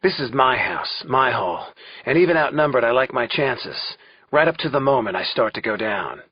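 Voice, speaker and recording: A man's voice: mid-range voice, animated, normal speed, husky, dry recording. A man narrating a first-person suspense audiobook in a wry, conversational way. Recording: dull lo-fi recording.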